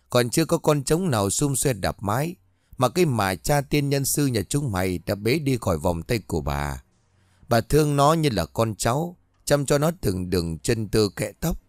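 A man voicing a foul-mouthed old village woman who rants shrill curses in a spoken ghost story. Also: dry recording, studio quality.

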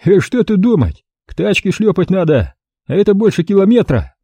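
A hoarse, grumbling male thug, sullen and always hungry, with a husky, dark rasp pitched above the reader's own voice. A man voices him in a storybook reading. The sound is dry and close. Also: big pitch swings, moderate pace, no room sound, exaggerated voice. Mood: sulky. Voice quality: hoarse, gravelly.

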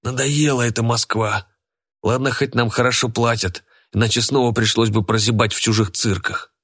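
A man's voice: mid-range voice, fairly even intonation, moderate pace, a bit bright, husky, pitched above the performer's own voice. A man voicing a homesick male circus henchman who grumbles. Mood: grumbling.

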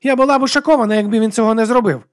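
A man reading an audiobook voicing a sharp, cynical tough woman. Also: extremely high pitch, very fast, no room sound, studio quality, voice pushed up. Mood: sarcastic. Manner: sharp, sarcastic.

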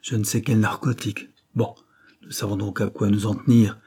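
Calm self-assured detective, man reading, low dark husky voice. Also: moderate pace. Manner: confident, reassuring.

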